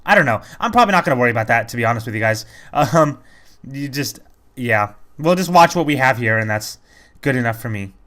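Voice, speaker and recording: Lively, bright-voiced man rambling over gameplay. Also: mid-range voice, a little fast. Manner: rambling, chatty, self-critical. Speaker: let's play commentator. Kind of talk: casual gaming commentary.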